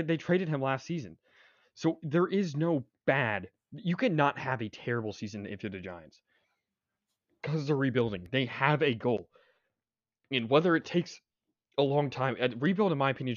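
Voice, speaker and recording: A man's voice: mid-range voice, no echo. A young man co-hosting a casual sports podcast, rambling with stuttering restarts and strong opinions. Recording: dry, dull lo-fi sound.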